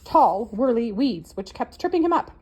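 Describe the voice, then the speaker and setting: A woman reading a children's picture book aloud, expressive and animated. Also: moderate pace, slightly rough. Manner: expressive, with wide swings in pitch. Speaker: storybook reader.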